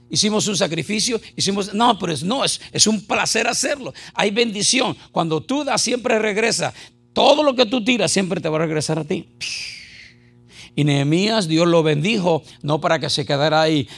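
A middle-aged man preaching an animated sermon full of jokes and anecdotes. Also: on the high side, vocal fry. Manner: animated, jokey, shouts and laughs at times.

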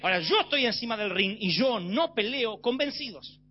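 Male preacher, high register, forceful sermon delivery, muffled lo-fi sound with a light hum. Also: expressive, normal speed. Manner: emphatic, rising to shouts. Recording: slightly dull with faint hum.

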